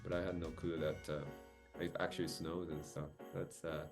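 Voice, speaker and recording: Deep-voiced male interviewer from Japan, meandering, filler-heavy delivery. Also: level tone, normal speed, vocal fry, music in the background. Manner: rambling, many fillers and restarts. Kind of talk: casual video-call interview.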